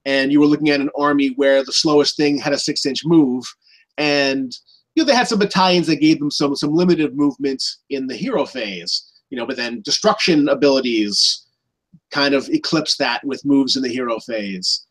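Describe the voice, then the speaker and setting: A man's voice: mid-range voice, moderate pace, low-quality recording. A man talking as a guest on a tabletop gaming show, explaining in a conversational way with frequent fillers. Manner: conversational, frequent "you know". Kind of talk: casual hobby gaming discussion.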